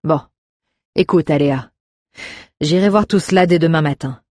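A calm, firm guard captain, stern but kindly toward a troubled girl, as a woman reader puts him on. The voice is a little husky and recorded dry and close, as in a storybook. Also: sits low, normal speed, no room sound.

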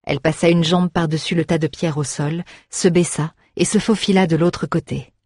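A woman reading a fantasy story aloud in a steady, measured way. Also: low-pitched, husky, dry recording, studio quality. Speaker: audiobook reader. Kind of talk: scripted fantasy narration.

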